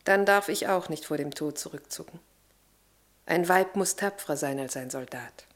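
A woman's voice: low-pitched, moderate pace, natural voice. Earnest, devout Lavinia, played by a woman. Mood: quiet courage. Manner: earnest, expressive, swelling from hushed to fervent. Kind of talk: German radio play acting.

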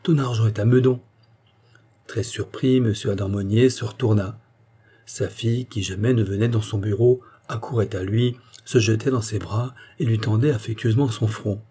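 Audiobook narrator, male, measured delivery, husky timbre. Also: lowish voice, steady tone, warm tone. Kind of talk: scripted narration.

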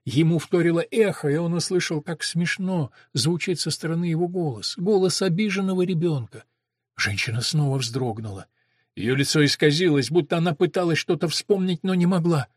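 A man reading a dark story aloud as a narrator, in a tense, dramatic way. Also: fairly high pitch, moderate pace, no room sound, studio quality. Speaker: audiobook narrator. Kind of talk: scripted narration.

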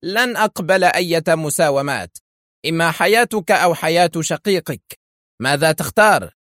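A jittery armed henchman, played by a male narrator in a storybook thriller, making frantic threats. His voice climbs high and tight with nerves, and the recording is dry and close. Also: expressive, normal speed, a bit bright, no room sound. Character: nervous, trembling male henchman with a gun.

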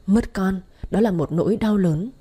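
A woman reading a story aloud in steady scripted narration, with faint music behind. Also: mid-range voice, moderate pace, husky. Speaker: audiobook narrator.

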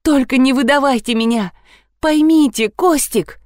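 A woman's voice: sits high, animated, measured pace, darkish tone, no room sound, clean studio sound, pitched above the performer's own voice. A woman voicing a distraught young woman who wails and pleads tearfully. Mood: pleading. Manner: wailing, pleading.

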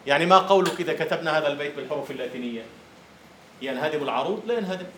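A man lecturing on Arabic prosody in a classroom, teasing his students and slowly chanting verse syllables. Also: a little high, a bit bright. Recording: roomy lecture hall echo, faint hiss.

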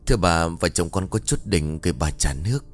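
A man's voice: deep voice, lively intonation, fairly quick, faint music behind, voice pushed down. A man voicing a humble, grateful young husband who talks deferentially and eagerly.

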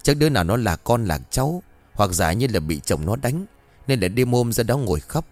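A man voicing a greedy, scheming old village landlord who covers his fear with gruff bluster. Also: mid-range voice, very animated, brisk, a little mellow, dry recording, faint music behind, close to an everyday voice.

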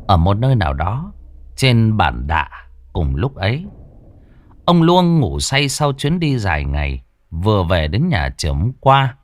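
Male horror narrator, dramatic, lively pitch, dry close sound. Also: a little slow, dry recording.

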